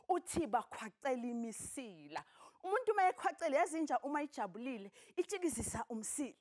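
A middle-aged South African woman teaching a poetry lesson, speaking in an emphatic, expressive, declamatory way. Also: high-pitched. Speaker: television teacher. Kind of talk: poetry lesson, reading and explaining. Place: television studio, indoors.

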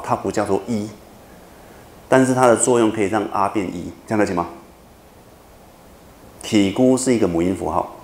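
A man's voice: on the low side, a little mellow. Patient male lecturer in a roomy classroom. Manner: patient, repetitive explaining with frequent checking questions. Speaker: university lecturer. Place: university classroom.

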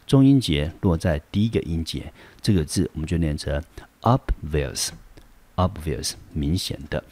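Low-voiced man teaching English grammar. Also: a little mellow, no room sound. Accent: Taiwanese Mandarin. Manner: patient, repeats and translates, reads English lines slowly. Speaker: high school English teacher. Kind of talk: classroom lecture explaining a textbook.

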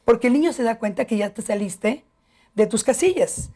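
A woman's voice: fairly high pitch, animated, normal speed. A middle-aged woman, a family education expert, explaining patiently as a guest on a TV talk show. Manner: warm, didactic, addresses host by name.

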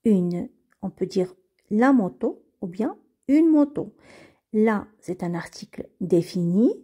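Slow, dark-voiced woman teaching French. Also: medium pitch, expressive, slightly rough. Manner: patient, repeats and spells out words. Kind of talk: slow reading lesson for beginners.

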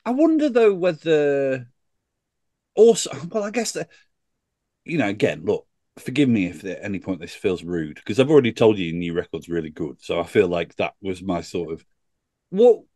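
Brief: male interviewer, low voice with wide swings, warm-hearted probing, dry booth. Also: very animated, normal speed, dry recording. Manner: friendly, apologetic when probing. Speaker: podcast host. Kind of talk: conversational interview. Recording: dry studio sound.

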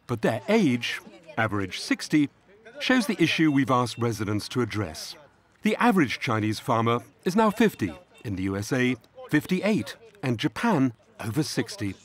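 A man giving measured, scripted documentary narration. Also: medium pitch, sing-song.

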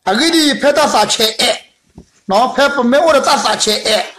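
A man with a strikingly high voice leads a Bible study as its teacher. He tells the story in a loose, rambling way, circling back over the same phrases and padding them with fillers. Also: moderate pace, fairly bright tone.

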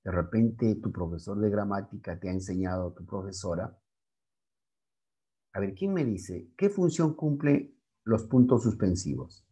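A male secondary school literature teacher giving a class, explaining poetry and reciting verses with deliberate pauses, often checking in with his students. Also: lowish voice. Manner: slow, lively delivery with frequent "¿ya?" and "¿ok?" check-ins.

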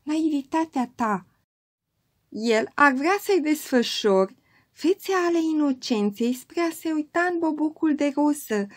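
A woman voicing a worldly young woman who teases her friend in a full, soft voice. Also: high-pitched, close to an everyday voice.

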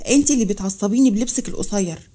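A woman's voice: medium pitch, animated, very fast, husky. A woman with an Egyptian accent voicing a stubborn young female doctor who answers back sharply. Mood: defiant. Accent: Egyptian Arabic. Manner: sharp-tongued and defiant.

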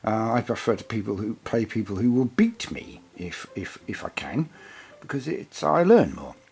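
A man talks in a loose, rambling way, drifting from point to point as a self-described waffler. His pitch jumps around a lot as he goes. He sounds tired, though he keeps the chat going. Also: very animated, normal speed, creaky, a little mellow. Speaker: hobby channel host reviewing a game book. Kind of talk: casual chat.

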